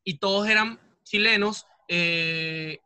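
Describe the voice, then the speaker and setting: A man's voice: sits high, slow pace, bright, forceful tone, clean tone, no room sound. A Venezuelan man co-hosting a podcast in casual chat, rambling and repeating himself as he thinks aloud. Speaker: podcast co-host.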